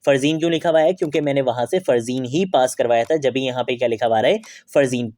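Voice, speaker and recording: A man's voice: mid-range voice, fast, a little mellow, dry recording. Dry-voiced man walking through code step by step. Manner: explains step by step, asking and answering his own questions; repeats "theek hai" often as a check-in. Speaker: programming tutor. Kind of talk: screen-recorded coding tutorial.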